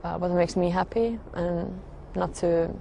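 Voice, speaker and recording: A quiet Finnish woman recounts her conversion story slowly, with hesitant pauses and fillers while she gropes for words. She has a fairly low, monotone voice with vocal fry, and a faint hum of room noise lingers in the background.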